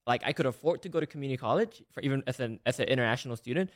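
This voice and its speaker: A young man from Malaysia in his twenties talks fast and eagerly as a podcast guest, piling up fillers and quick restarts. His voice sits at a middle pitch and rushes from point to point in casual conversation. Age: 20s.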